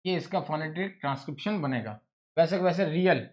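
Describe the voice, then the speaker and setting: A man's voice: fairly high pitch, brisk. A male teacher, giving a classroom lecture, who repeats words and keeps asking the class questions. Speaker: English teacher.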